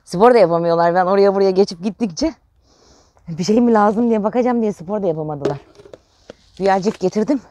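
A woman's voice: medium pitch, brisk, mellow, no room sound. A middle-aged woman from Turkey chatting casually through a home vlog and cooing affectionately to her chickens in the garden. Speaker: vlogger mother.

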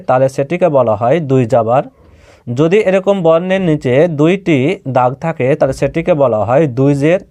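A man teaching Quran letter reading in a slow step-by-step lesson, patiently repeating each syllable for learners to follow. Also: on the high side, a little mellow. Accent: Bangladeshi Bengali.

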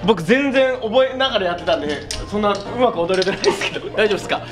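A man's voice: high voice, expressive, quick pace. A man with a Tosa accent chatting politely and a little sheepishly in an on-location video clip. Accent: Tosa dialect of Kochi. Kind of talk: casual on-location video chat. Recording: distant, roomy video clip audio. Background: loud music.

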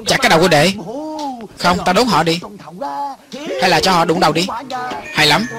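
A man reading every part of a film as a voice-over, in an even and lightly acted way. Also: sits high, a little fast, music in the background. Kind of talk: lector voice-over reading all parts.

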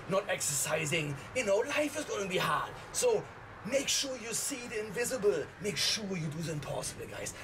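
A man's voice: high-pitched, noisy background. A middle-aged man speaking while sitting in ice cold water, giving emphatic, repetitive motivational exhortations to the camera like a vlog host. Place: outdoor balcony, inside a tub of ice water.

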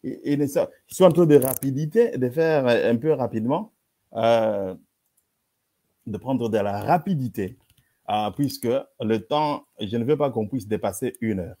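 A man's voice: mid-range voice, measured pace, dark tone. A man hosting a polemical commentary, reading out verses and rebutting them in an emphatic, repetitive way with dismissive asides.

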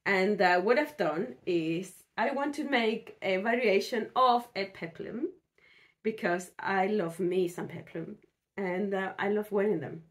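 A woman sewing vlogger, hoarse from a cold, chatting casually about her projects in a rambling way with fillers and restarts. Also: mid-range voice, a little slow. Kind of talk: casual chat.

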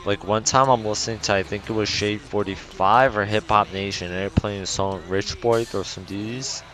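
A low-voiced let's-play gamer from New York rambles through casual commentary from home, full of slang and swearing. His delivery is fairly even in intonation, at normal speed, with a slightly bright tone.

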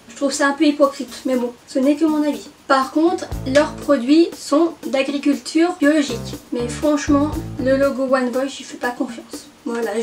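Chatty woman vlogger, high voice, jokey asides, a bit far from the mic with music underneath. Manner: chatty, jokey asides, self-mocking English. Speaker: beauty vlogger. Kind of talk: casual explainer vlog.

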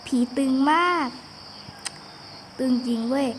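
A woman's voice: slow, background noise. A young girl giving casual, chatty game commentary, often exclaiming and talking to her viewers. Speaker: gaming video host.

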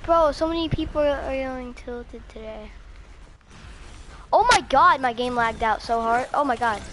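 A gamer live streaming a match with friends, excitable and prone to quick outbursts. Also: female voice, high-pitched. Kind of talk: casual gaming chat with friends. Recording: noisy mic with clicks.

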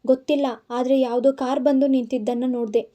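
A woman voicing a rough male kidnapper who talks in a hurried, panicky way, in an audio story. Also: sits high, steady tone, dark tone, close to an everyday voice. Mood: panicked.

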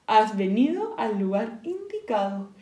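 A woman voicing a hungry, sly fox in a read-aloud storybook, slow and gloating. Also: medium pitch, very animated, warm tone. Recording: echoey room.

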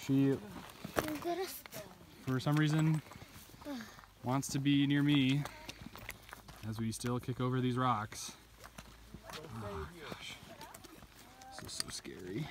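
A man's voice: medium pitch, steady tone, slow pace, long pauses, noisy background. A man hosting a casual outdoor vlog, joking and exclaiming as he goes. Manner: jokey, easily spooked, exclaims often. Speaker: vlogger host. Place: outdoors in rocky desert camp.

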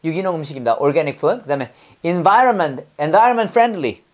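A woman's voice: sits low, expressive, measured pace. A woman teaching English vocabulary in class, drilling students with call-and-repeat prompts and playful memory tricks.

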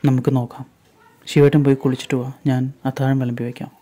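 A man reading a calm caring young wife, reassuring, warm voice, flat tone. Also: medium pitch, fast, natural voice.

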